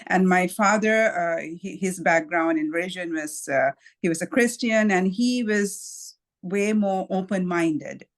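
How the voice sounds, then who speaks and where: Thoughtful woman guest from Sri Lanka. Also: fairly low pitch. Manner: thoughtful, measured, with hesitations and light laughs. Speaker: guest author. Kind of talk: podcast interview.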